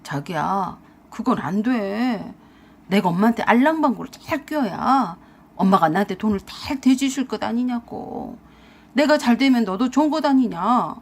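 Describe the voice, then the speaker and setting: A lazy, sly husband, played by a woman reader, whines and pleads his way out. He is pitched lower than her own voice, yet still lively and animated. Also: moderate pace, slightly rough. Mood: whiny. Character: lazy, scheming husband, grown man, whiny and sly.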